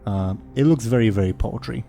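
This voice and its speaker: A man narrating a tabletop role-playing game as game master, in a casual, halting, improvised way. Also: lowish voice, vocal fry, dark tone, soft background music.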